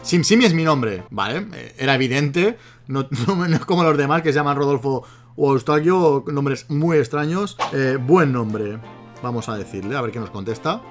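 A man's voice: medium pitch, lively intonation, moderate pace, soft background music. A man with a Spain Spanish accent gives casual, chatty commentary as he chats with a bot. He giggles often and keeps breaking into laughter. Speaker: YouTuber.

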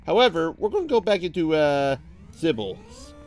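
A man's voice: fairly high pitch, very animated, moderate pace. A man hosting a let's play, giving casual commentary and thinking aloud hesitantly as he goes. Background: game music.

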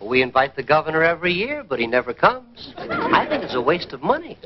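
An actor playing a sulky, stubborn, blustering American husband in a mid-century radio comedy. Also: male voice, a little high, huge pitch swings, fairly quick. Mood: grumbling, objecting. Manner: indignant, stammering bluster. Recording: dull, faintly noisy vintage radio recording.

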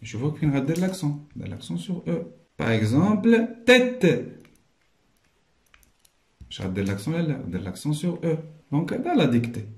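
Moroccan guy teaching a lesson, lively up and down voice, repeats words slow, roomy echo. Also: a little high. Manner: explanatory, repeats words slowly and switches to French terms. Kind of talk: recorded classroom lesson.

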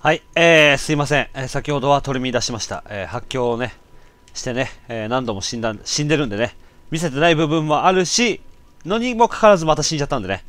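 Excitable man yelling through a game. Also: mid-range voice, fast, no echo. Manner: excitable, yells and stammers in panic, rough casual speech. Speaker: gameplay commentator. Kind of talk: casual let's-play commentary.

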